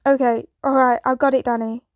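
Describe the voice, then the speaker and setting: A woman's voice: high-pitched, level tone, a little fast, no echo, dull audio, lightly acted. A woman voicing a young male superhero in a fan fiction reading, urgent and anxious yet reassuring.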